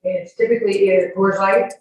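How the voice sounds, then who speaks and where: A woman witness under examination in court answers questions with emphasis, denying things again and again. Her mid-range voice is steady, brisk and a little mellow, captured indoors by a distant microphone with echo and faint noise.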